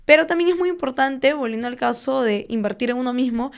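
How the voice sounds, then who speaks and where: Speaking as an interview guest, a Peruvian stock trader and finance content creator explains investing in a clear, high voice. She's measured and explanatory, often using fillers and tag questions in the conversational exchange.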